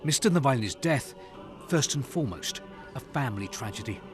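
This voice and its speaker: A man narrating a scripted news report as a correspondent, solemn and measured, in short phrases. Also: mid-range voice, animated, music in the background.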